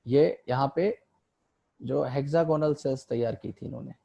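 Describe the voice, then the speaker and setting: Gravelly man teaching biology. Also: mid-range voice, normal speed, mellow. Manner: asks and answers his own questions, mixing Hindi with English terms. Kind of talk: online lecture explaining a diagram.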